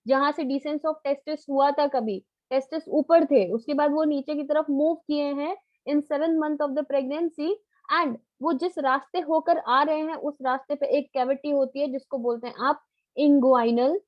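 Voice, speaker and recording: A woman's voice: high-pitched, no room sound, lo-fi sound. A woman biology teacher giving a live online lecture, coaxing answers out of her students in a familiar, quizzing way.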